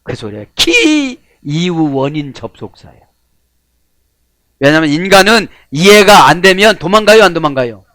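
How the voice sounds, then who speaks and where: Middle-aged male pastor, lively sermon delivery, slightly high voice, close and dry. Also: normal speed, no room sound. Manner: animated preaching in a folksy tone, acting out prayers and shouts.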